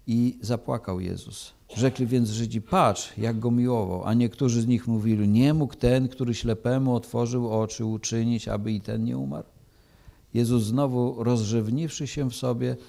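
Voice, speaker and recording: Guy preaching, reads the bible then explains it, mellow low tone, kinda gravelly. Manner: reads scripture aloud, then explains it with hesitant fillers. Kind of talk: sermon with Bible reading.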